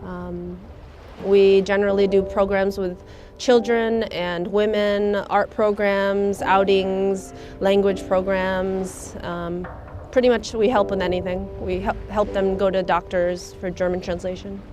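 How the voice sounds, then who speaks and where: Soft-spoken American woman, hesitant. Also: medium pitch, flat delivery, unhurried, faint music behind. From United States. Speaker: volunteer. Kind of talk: documentary interview.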